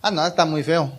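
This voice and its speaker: A male pastor preaching a sermon in a church, speaking warmly and conversationally and putting questions to the congregation. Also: on the high side, gravelly, slight background noise. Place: church hall.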